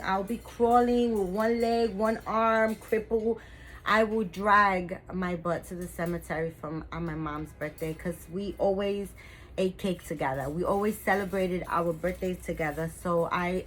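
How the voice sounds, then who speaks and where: A woman's voice: medium pitch, a little hiss or hum, low-quality recording. A woman in her fifties, a doll-collecting vlogger, chatting casually to her viewers in a rambling way, full of fillers and restarts. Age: 50s.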